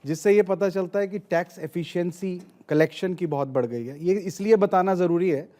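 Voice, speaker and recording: A man's voice: high-pitched, moderate pace, mellow. A man speaking as a panelist in a news discussion, putting forward his own view in an opinionated, argumentative way.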